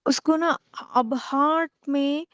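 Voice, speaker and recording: A woman spiritual teacher telling a story slowly and repetitively, with many pauses. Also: sits high, steady tone, dry recording, lo-fi sound.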